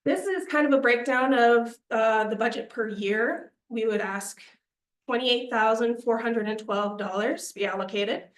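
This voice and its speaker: In an echoey meeting room, a young woman with a fairly high voice speaks a little slowly as she presents a student media budget to a committee. She comes across as earnest and persuasive, if slightly out of breath.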